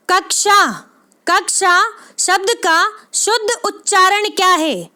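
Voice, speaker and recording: A woman's voice: very high voice, sharp tone. A woman teaching spelling for exams, explaining patiently and repeating each answer with frequent check-ins to her viewers. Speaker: Hindi exam tutor. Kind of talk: exam-prep lesson, repetitive explanation.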